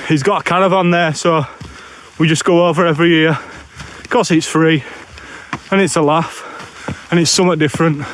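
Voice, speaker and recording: A man with a Bradford, West Yorkshire accent, chatting casually and bluntly in northern dialect for a solo camping vlog. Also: high voice. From Bradford, West Yorkshire, England. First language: English. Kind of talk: casual walking vlog chat. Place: outdoors on open moorland, walking. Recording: outdoor background noise while walking.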